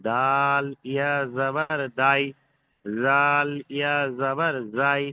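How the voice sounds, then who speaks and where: A male student reciting Arabic letter and vowel drills aloud in an even drone. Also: mid-range voice, slow pace, clean tone, dry recording, lo-fi sound.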